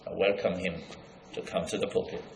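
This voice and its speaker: Low-voiced man introducing a preacher in a church. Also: level tone, fairly quick, creaky, a little hiss or hum. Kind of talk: church announcement. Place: church hall. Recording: echoey church hall.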